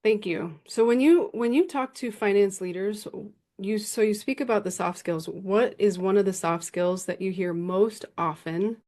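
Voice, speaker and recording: A woman's voice: medium pitch, normal speed, mellow. A woman hosting a podcast interview, talking in a friendly, conversational way and asking open questions. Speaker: podcast host. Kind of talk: casual interview.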